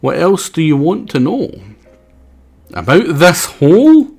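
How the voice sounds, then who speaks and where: A man voicing a dim, nervous young male ghost scientist in a video game, with a Scottish accent and a high, breathless voice. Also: very animated, slow, creaky, a little mellow, full character voice. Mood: confused.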